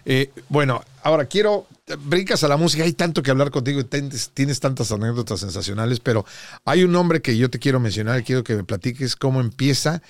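A man's voice: medium pitch, brisk, dry recording. A man hosting an interview, engaged and affirming, often chiming in with short replies. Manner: engaged, affirming with frequent backchannels. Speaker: podcast host, interviewer. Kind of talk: conversational interview.

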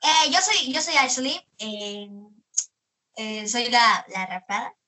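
Bright-voiced young woman, halting speech. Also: a little high, expressive. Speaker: guest singer. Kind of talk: casual interview chat.

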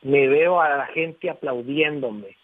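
A man's voice: medium pitch, slow, no echo. A man, a guest on a radio show talking over the phone, explaining emphatically and addressing the listener with frequent tag questions. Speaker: guest speaker on communication. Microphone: telephone. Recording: tinny dry phone line.

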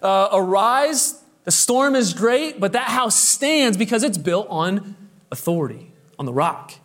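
A man's voice: sits high, sing-song, a little slow, fairly bright tone. A man pastor delivering a sermon with emphatic preaching, his voice swelling and dropping for effect, with the occasional hesitant filler.

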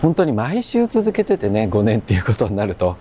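Hushed, low-voiced man podcasting outdoors. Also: huge pitch swings, a little fast. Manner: hushed, keeping voice low in quiet public surroundings. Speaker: amateur podcast host. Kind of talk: casual solo podcast monologue recorded while strolling. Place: outdoors, walking through a park-like area. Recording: noisy outdoor recording with ambient hum.

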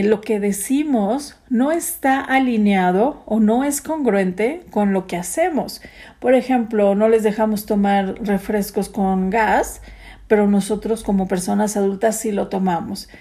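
A woman gives calm, reflective parenting advice and speaks straight to the listener. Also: mid-range voice.

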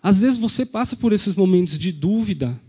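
A man's voice: high voice, lively intonation, normal speed, mellow, slightly rough. A man with a Brazilian Portuguese accent, preaching an Easter sermon as a pastor, retelling the story and asking the congregation rhetorical questions.

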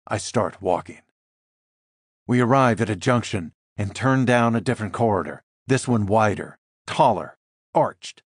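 A man reading a first-person thriller as an audiobook, in a tense, measured way. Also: fairly low pitch, husky, dry recording, studio quality. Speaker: audiobook narrator.

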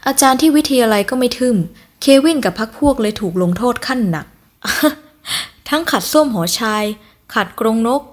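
A woman voicing a blunt young shop manager with a husky voice. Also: a little high, lively intonation, fairly quick. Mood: gleeful. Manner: serious, blunt.

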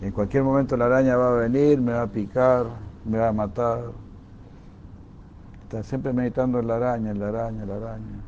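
A man's voice: medium pitch, fairly even intonation, a little fast, a little mellow. A man preaching a sermon, telling stories and repeating phrases for emphasis. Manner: storytelling, emphatic repetition. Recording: dull lo-fi recording with faint noise.

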